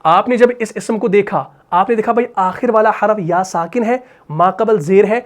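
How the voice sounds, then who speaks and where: Urdu grammar teacher asking himself questions. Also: male voice, high-pitched. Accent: Pakistani Urdu. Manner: repeats questions and answers them himself, adds "bhai" and "theek hai na"; reads Quran verses in a slow recitation. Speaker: Arabic grammar and Quran teacher. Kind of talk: explaining grammar while writing on a board.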